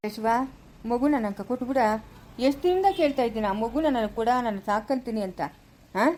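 A woman's voice: fairly high pitch, lively intonation, a little fast, warm tone, slight background noise, natural voice. A woman with a rural Chikkaballapura Kannada accent playing a stern, caring old village grandfather in a homemade family skit, scolding and giving advice. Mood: lecturing. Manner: scolding, advising in a firm lecturing tone.

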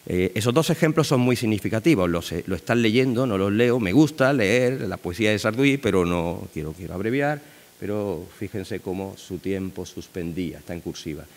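A man's voice: on the low side, animated, moderate pace, a little mellow. Older man lecturing in a reverberant hall. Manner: digressive, filler-heavy, frequent tag questions. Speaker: literature scholar giving a conference lecture. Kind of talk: academic lecture. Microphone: desk microphone.

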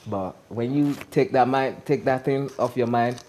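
A man with a Nigerian accent and a mid-range voice talks unhurriedly over a slight hiss or hum. He's a stand-up comedian being casually interviewed as a guest on a TV studio set, gesturing a lot, animated, and asking "you understand?"

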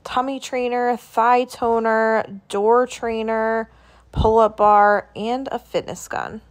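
A woman films a casual grocery-store walk on her phone, chatting about products and listing prices. Her voice is fairly high with little pitch movement, and she speaks slowly.

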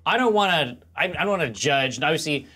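A man's voice: a little high, lively intonation, fast talker, bright, forceful tone, breathy edge. A man playing in a tabletop game, joking and talking in a theatrical, playful way. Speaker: player.

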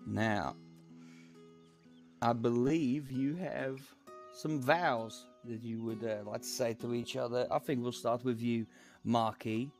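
A man with an average-pitched voice leads a role-play wedding ceremony and addresses the guests in a measured, formal way. Faint music runs underneath. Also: steady tone, a little mellow. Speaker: wedding officiant in roleplay. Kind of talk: mock-formal ceremony speech.

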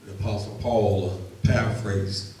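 A man leading an extemporaneous church prayer as a minister, earnest and deliberate, with pauses and repeated phrases in a preaching cadence. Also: fairly low pitch, steady tone. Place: church sanctuary, indoors. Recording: very echoey church, distant mic, loud congregation.

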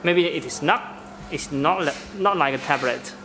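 A man's voice: fairly high pitch, moderate pace, bright, forceful tone, slight background noise. Hesitant young man in an office. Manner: hesitant, repeats words while searching for them. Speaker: R&D engineer. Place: large open-plan office. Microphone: camera held close.

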